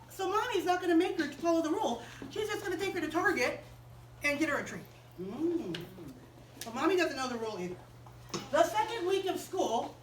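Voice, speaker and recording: Animated woman telling children a story. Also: high-pitched, reverberant, distant mic, a little hiss or hum, rough recording. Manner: animated, asks the children questions. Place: chapel room.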